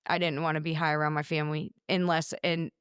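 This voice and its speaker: A woman's voice: deep voice, level tone, quick pace, a bit bright, clean tone, no room sound, clean studio sound. A woman speaking as a guest in a candid podcast interview, blunt and matter-of-fact, with plenty of swearing.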